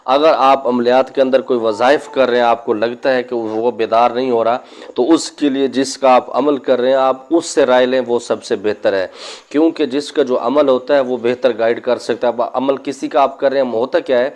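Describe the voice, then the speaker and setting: Guy who works as a healer, sitting in a room warning his viewers, earnest storytelling tone, medium pitch. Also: steady tone, a little mellow. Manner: earnest, cautionary, tells stories from his practice. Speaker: spiritual healer. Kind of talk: religious advice talk to viewers. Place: indoor room.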